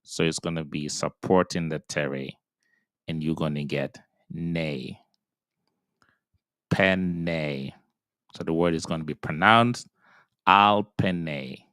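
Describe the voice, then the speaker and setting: A man's voice: very deep voice, moderate pace, a bit bright, dry recording, clean studio sound. A man teaching Hebrew reading in a patient, step-by-step pronunciation lesson, sounding out syllables and repeating them.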